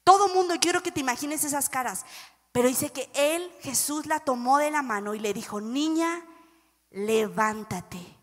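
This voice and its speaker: A woman preaching a sermon, animated and playful, acting out Bible scenes and joking with the congregation. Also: high voice, normal speed. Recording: long hall reverb.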